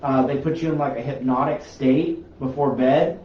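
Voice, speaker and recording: A man hosting a paranormal group's live show, telling stories in an animated, rambling way with lots of restarts. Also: mid-range voice, moderate pace, slight background noise. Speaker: paranormal investigation group host. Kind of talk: casual live-stream chat. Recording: roomy, distant, slightly dull live-stream audio.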